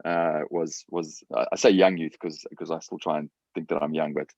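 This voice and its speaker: A man's voice: rumbling low, steady tone, normal speed, darkish tone. A man from Africa, a guest chatting casually in an interview from his garage, hesitant with many fillers and repeated words. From South Africa. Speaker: guest entrepreneur. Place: home garage. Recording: dull lo-fi sound.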